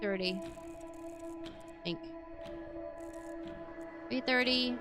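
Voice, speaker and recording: A woman's voice: fairly high pitch, drawn-out words. A woman streaming a game in casual chat, playful and rambling, humming and scatting to herself, with a voice she calls witchy. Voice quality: self-described witchy voice. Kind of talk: casual live-stream chat while playing. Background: background music.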